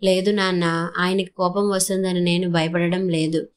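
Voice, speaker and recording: A woman's voice: fairly low pitch, flat delivery, normal speed, clean tone, natural voice. A woman voicing an angry, defiant young married woman in a storybook reading, with a sarcastic, cutting way of talking. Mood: determined.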